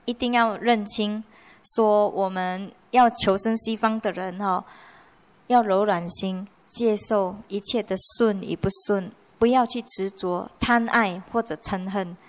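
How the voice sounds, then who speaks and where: A woman teaches a sutra to her listeners in a relaxed, conversational way. Her voice sits at an ordinary middle pitch, and she drops English words into her talk and keeps checking whether her listeners follow. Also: measured pace. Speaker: Buddhist nun lecturing on a sutra. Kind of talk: dharma lecture. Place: monastery hall.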